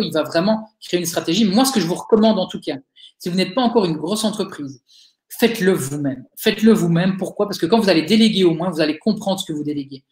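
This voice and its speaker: A man with a Belgian accent from Liège, answering audience questions in a live webinar in a chatty, encouraging way with frequent hesitations. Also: high voice. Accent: Liège Belgian French. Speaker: webinar speaker, digital agency owner. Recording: roomy webinar audio.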